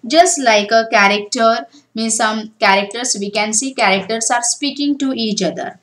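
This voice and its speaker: A woman's voice: on the high side, normal speed, fairly bright tone, poor audio. A woman teaching a coding lesson for beginners, explaining each step in turn over a screen recording. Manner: step-by-step explaining, often starting with "now".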